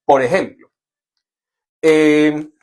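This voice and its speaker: This lively, joking English teacher, a native Spanish speaker, runs a live online class in a voice on the high side, speaking very slowly. He keeps asking his students "¿listo?"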